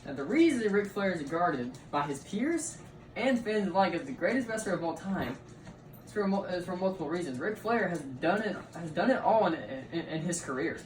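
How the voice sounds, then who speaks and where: Young man giving a halting class speech. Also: sits high. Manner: halting, often repeats words and leans on "like". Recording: echoey room, far mic, steady background noise.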